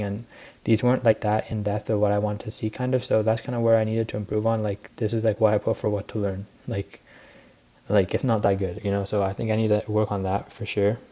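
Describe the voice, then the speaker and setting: A teenage student trader gives a laid-back, rambling recap of his week, sounding tired and short of breath and using lots of fillers. His voice is mellow and on the low side.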